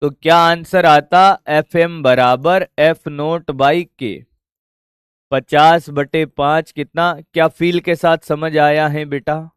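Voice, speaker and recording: A man's voice: a little high, steady tone, slow pace, clear, resonant tone, no room sound, studio quality. A man teaching a physics lesson. He repeats his own questions and answers them himself, and he addresses the students casually.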